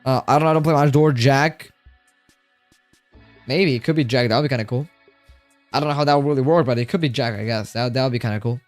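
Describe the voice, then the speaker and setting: A man's voice: medium pitch, fast talker, long pauses, no echo, soft background music. A tired man livestreaming from home, chatting casually and rambling to his chat, often repeating himself.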